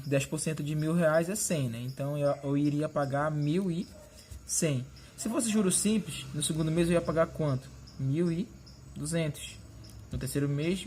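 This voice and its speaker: A male math teacher explains each step of a lesson, pointing at the board and asking quick check-in questions. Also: on the high side, a little mellow, a little hiss or hum.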